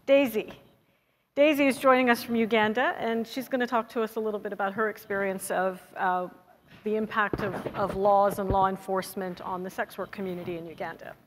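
A woman moderating a conference panel, briskly introducing the next speaker. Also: mid-range voice, level tone, noisy background. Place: conference stage.

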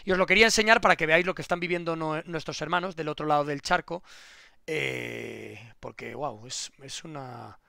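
A man giving casual live-stream commentary, swearing and repeating himself excitedly. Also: fairly high pitch, normal speed, gravelly, no room sound, clean studio sound.

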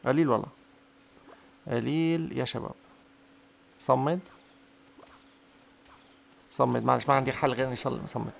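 A young man gives excitable live commentary on a mobile game, urging his units on and repeating words over and over. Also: medium pitch, moderate pace, vocal fry, pauses often. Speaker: gaming YouTuber.

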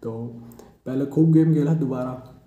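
A man's voice: medium pitch, a little slow, mellow, lo-fi sound. A young man telling a funny personal story in a casual, chatty way, often chuckling as he goes. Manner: chatty, keeps saying "bhai", chuckles through the tale. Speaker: vlogger. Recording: roomy echo.

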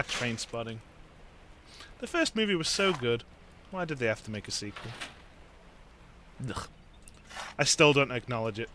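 A man's voice: medium pitch, background noise. A man giving casual gameplay commentary while playing, joking, swearing and chatting to viewers. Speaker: gaming video host.

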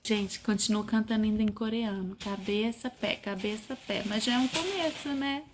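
A woman's voice: mid-range voice, normal speed. A young Brazilian woman chatting casually in a family vlog, talking about her toddler. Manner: chatty, playful baby talk with her toddler. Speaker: vlogger mother.

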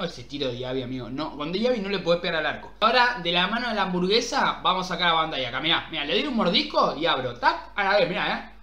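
A young man with an Argentine Rioplatense accent, commentating his own pack openings in a football game, excitable and swearing as he begs the game for luck. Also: high voice. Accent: Argentine Rioplatense Spanish. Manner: excitable, swearing, pleading with the game, outbursts of yelling. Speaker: gaming streamer. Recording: roomy echo.

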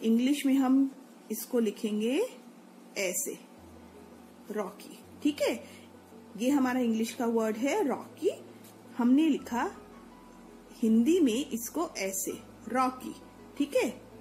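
A woman's voice: fairly high pitch, expressive, slow pace, long pauses, dark tone, faint music behind, rough recording. A woman teacher patiently explaining Hindi letters to young children, repeating each sound and checking that they follow. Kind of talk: children's Hindi alphabet lesson.

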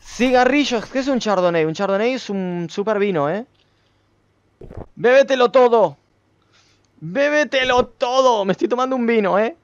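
A man streaming a survival game who yells at his character in panic, then drops into muttered play-by-play commentary. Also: extremely high pitch, normal speed, pauses often. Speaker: gaming streamer. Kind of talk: excitable let's-play commentary. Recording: slightly dull lo-fi sound.

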